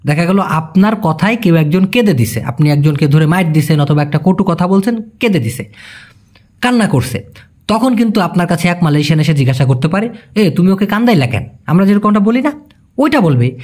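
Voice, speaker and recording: Male teacher, husky, lively pitch, slow and patient over each phrase. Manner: slows right down to spell out foreign phrases; repeats each sentence and breaks it word by word. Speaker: language teacher. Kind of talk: explaining phrases to viewers.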